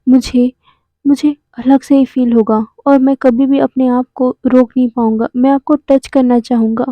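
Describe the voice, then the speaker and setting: A woman voicing a quiet, stubborn young man who speaks calmly and firmly. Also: high voice, normal speed, dry recording, highs cut off, close to an everyday voice. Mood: determined.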